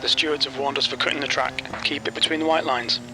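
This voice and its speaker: A terse in-game race engineer, voiced by a man, barks short pit radio calls in a flat, level tone. His delivery is clipped and even, with mid-range pitch. Loud race car engine noise runs under the game audio. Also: quick pace, lightly acted. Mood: curt.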